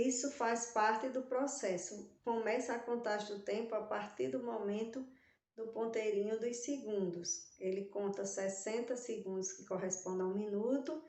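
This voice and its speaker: Her mid-range voice has a darkish tone, and the room echoes as she teaches small children. She's a primary school teacher from Brazil with a Brazilian Portuguese accent, drawing out syllables and singing the stress onto important words.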